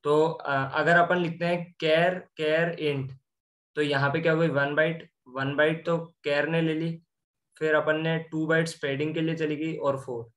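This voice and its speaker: Hindi-speaking man teaching code, flat delivery. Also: on the high side, a little slow. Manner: explains step by step, asks and answers own questions. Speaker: programming tutor. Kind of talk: screen-share coding lesson.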